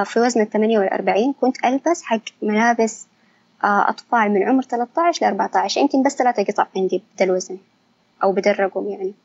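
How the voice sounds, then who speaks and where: Fast-talking young woman. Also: on the high side, husky, highs cut off. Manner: candid, animated storytelling with quoted dialogue. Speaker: guest. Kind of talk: personal story in an interview.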